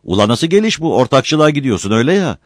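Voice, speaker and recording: A boisterous older landlord booms and coaxes in a raised, lively voice, as a man puts him on for an audiobook. He sounds loud and pushy. The recording is dry and close. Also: quick pace, no room sound, natural voice. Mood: mocking. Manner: loud, coaxing, calls people "ula".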